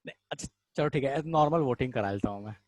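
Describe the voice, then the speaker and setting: A man teaching an online chemistry revision class, talking quickly and casually and calling his students "beta". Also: medium pitch, expressive, darkish tone, no room sound. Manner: fast-talking, addresses students as beta, casual Hinglish asides.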